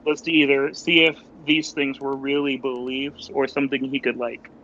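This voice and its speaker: A man playing a tabletop game, quickly narrating what his character does. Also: medium pitch, flat delivery, pushed and bright. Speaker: player. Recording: dull lo-fi stream audio, faint hum.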